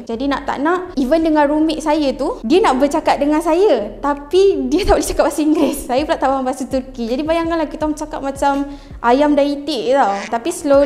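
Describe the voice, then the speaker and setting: Young Malaysian woman, chatty vlogger, sprinkles English, quick laughs, light music bed. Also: high voice, darkish tone. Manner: chatty, mixes English words, laughs easily. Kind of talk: casual storytelling to camera.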